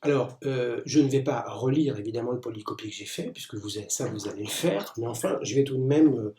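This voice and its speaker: A man's voice: medium pitch, expressive, a little fast, dark tone, reverberant. A man teaching in a recorded lecture video, explaining step by step with many fillers and restarts. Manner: explanatory, didactic.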